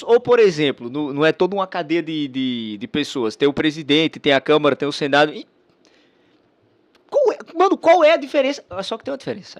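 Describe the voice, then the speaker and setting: A man's voice: sits high, no room sound. A man giving slangy, sarcastic react commentary on a debate video.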